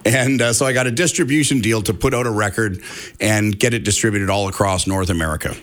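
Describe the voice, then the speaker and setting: A musician from Canada being interviewed, telling a story in a casual, animated way, acting out conversations. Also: male voice, lowish voice, quick pace.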